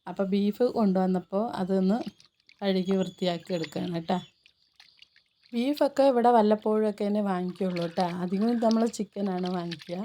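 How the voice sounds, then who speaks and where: A soft, slow-speaking woman with a Palakkad Malayalam accent narrates her home vlog in a relaxed, chatty voice-over. Her voice is dark and mellow, a little strained by a sore throat. A faint hiss of noise sits under the recording. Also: medium pitch. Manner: speaks softly and slowly; chatty, ends sentences with little tag words. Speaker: cooking and home vlogger.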